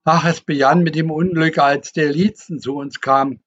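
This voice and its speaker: A man voicing a hearty, teasing old fisherman who talks in a booming, folksy dialect, on a dull lo-fi recording. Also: fairly even intonation, normal speed, a bit bright, natural voice. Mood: brooding.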